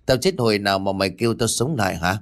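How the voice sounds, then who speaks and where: A man's voice: lowish voice, fast talker, lightly acted. A man voicing a brash young henchman with a blunt, mocking way of talking in an audio ghost story.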